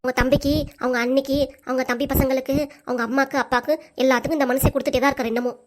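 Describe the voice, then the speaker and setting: Woman doing a furious cartoon mom, high voice, scolds super fast nonstop. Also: flat delivery, noisy background, natural voice. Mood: scolding. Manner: sharp, rapid scolding. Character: angry scolding mother and wife. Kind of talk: cartoon voice acting.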